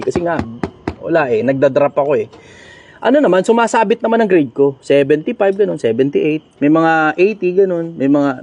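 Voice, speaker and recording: A man's voice: on the high side, darkish tone, muffled recording. A middle-aged Filipino man hosting a casual question-and-answer talk, blunt and profane, repeating lines for emphasis. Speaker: host answering viewer questions.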